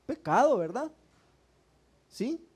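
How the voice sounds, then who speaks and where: Male preacher, high pitch, call-and-response sermon style in church. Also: sing-song, takes it slowly, a little mellow, slightly rough. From El Salvador. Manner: asks the congregation rhetorical questions and often calls them brothers.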